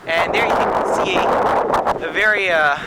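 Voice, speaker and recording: A man's voice: high voice, measured pace. Man through wind noise reduction. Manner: relaxed, thinking aloud with fillers. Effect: wind noise reduction processing. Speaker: vlogger testing a camera. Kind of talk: casual demo narration. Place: outdoors, windy and sunny. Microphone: built-in camera mic. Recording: wind-buffeted camera mic, clear noise.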